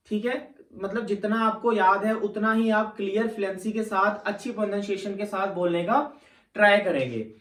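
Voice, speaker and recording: A man's voice: high voice, reverberant, distant mic. A man from Punjab with a voice, coaching students for an English exam in a patient classroom manner and often checking in with "theek hai". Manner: patient, repeats points, frequent "theek hai" check-ins. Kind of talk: classroom-style lesson.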